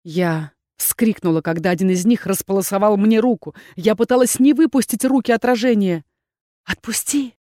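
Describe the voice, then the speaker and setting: A woman narrating a first-person fantasy audiobook with an expressive storytelling delivery. Her voice sits at a middle pitch. The recording is close and dry, with no room sound. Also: moderate pace, few pauses, no echo.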